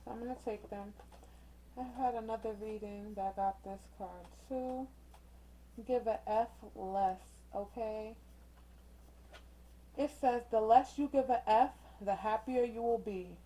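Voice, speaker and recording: A woman's voice: on the high side, a little slow, warm tone, slight background noise, low-quality recording. Chatty woman reading oracle cards. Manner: chatty and encouraging, uses slang and mild cussing substitutes; talks straight to the viewer, checking in with "okay?". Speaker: tarot reader. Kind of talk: casual oracle card reading. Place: indoors with a ring light.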